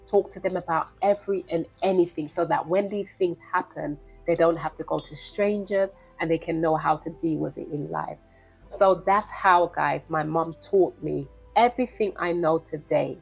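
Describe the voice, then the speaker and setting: A woman's voice: deep voice, normal speed, vocal fry, husky, soft background music, low-quality recording. A woman, telling a personal story to her vlog viewers in an earnest, direct way and calling them "guys". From Liberia. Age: 50s. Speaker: vlogger.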